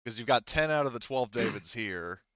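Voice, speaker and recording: A man acting as game master for a tabletop roleplaying game talks casually and thinks aloud as he goes. His mid-range voice is expressive and fairly bright at a normal speed, and the recording is dry and muffled.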